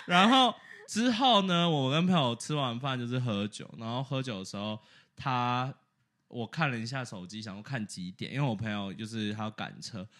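Man telling a story on a podcast, lots of laughs and english bits, bright tone. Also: mid-range voice, moderate pace, slight background noise. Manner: animated, laughs often, slips English words into his talk. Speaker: podcast co-host. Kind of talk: casual storytelling chat.

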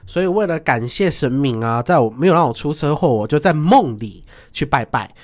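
A man's voice: fairly high pitch, animated, a little fast. A young man with a Taiwanese Mandarin accent, hosting a podcast and telling a story casually and animatedly, laughing often and acting out the voices in it. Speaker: podcast host.

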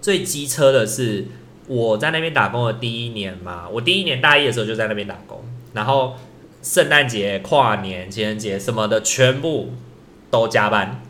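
Young guy rambling through a work story, bright crisp voice. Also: medium pitch, expressive, normal speed, a little hiss or hum. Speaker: podcast co-host. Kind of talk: casual storytelling chat.

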